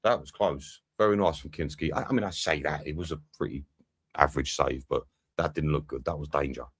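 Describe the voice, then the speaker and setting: A man's voice: extremely low pitch, a little fast, fairly bright tone, slightly rough, no room sound. A young man doing a live match watch-along, swearing freely and bantering with his chat between bits of play commentary.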